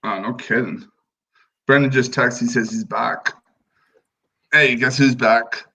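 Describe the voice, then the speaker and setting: A man's voice: medium pitch, steady tone, takes it slowly, pushed and bright, rough recording. A man of about forty co-hosting a podcast over a video call, laid-back, swearing and laughing freely. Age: 40s. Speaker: podcast co-host. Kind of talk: casual chat on a video call.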